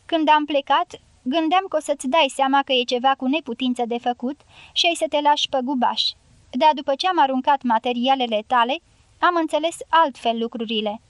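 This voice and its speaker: A woman's voice: sits high, no room sound, natural voice. A woman reading the part of a sullen male guerrilla leader in an audiobook, speaking bluntly and curtly. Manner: blunt, curt and self-justifying.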